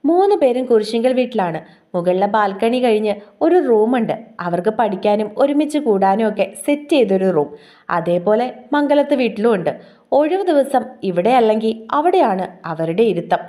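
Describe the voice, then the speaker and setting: A woman's voice: a little high, animated, normal speed, warm tone. Woman reading a love story.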